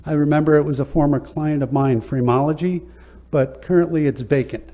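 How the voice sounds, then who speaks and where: A man, an architect presenting a project at a public hearing in a relaxed, joking way with many fillers. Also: fairly high pitch, brisk. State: slightly out of breath at first.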